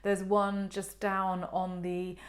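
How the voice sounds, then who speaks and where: A woman's voice: medium pitch, monotone, slow. A middle-aged woman giving a chatty, meandering online art history talk, full of ums and playful asides.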